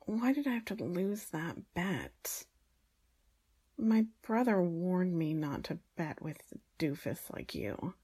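A woman playing a grudging, teasing maid in an intimate audio role-play, with exasperated, breathy asides and a husky, creaky voice. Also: fairly low pitch, lively intonation, slow pace, long pauses, warm tone, heavily acted. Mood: embarrassed, grumbling.

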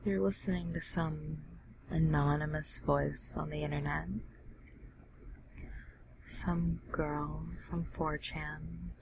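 A young adult woman in an ASMR role-play, speaking in a breathy, mean and spiteful way as she belittles the listener. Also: steady tone, slow, pauses often, background noise. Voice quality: breathy soft voice mixed with low soft voice.

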